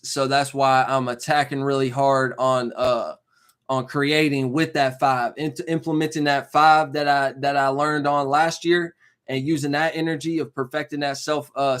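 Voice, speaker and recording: A man's voice: mid-range voice, a bit bright. A man in his twenties chatting casually on a live stream, rambling with lots of slang, fillers and "you know what I'm saying.". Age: 20s.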